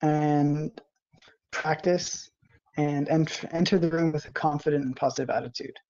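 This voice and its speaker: A cadet flight sergeant giving a lesson over a video call, hesitant and monotone. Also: medium pitch, a little slow. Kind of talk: online class lesson. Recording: muffled video call audio.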